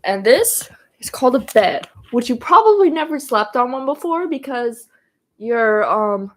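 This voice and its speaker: A woman's voice: on the high side, big pitch swings, a little slow, a bit bright. A woman livestreaming casually, rambling and stumbling over words as she reads homework aloud. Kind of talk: casual livestream chat while doing homework.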